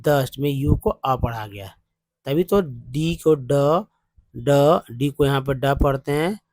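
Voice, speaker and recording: A man teaching spoken English, reading text slowly word by word and explaining how each word is pronounced. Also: medium pitch, darkish tone, no room sound.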